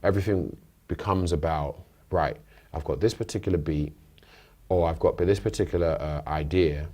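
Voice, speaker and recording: A British rapper with a deep, dark-toned voice speaks at a moderate pace as an interview guest in a radio studio. The chat is casual, and he comes across as thoughtful, rambling and restarting his sentences.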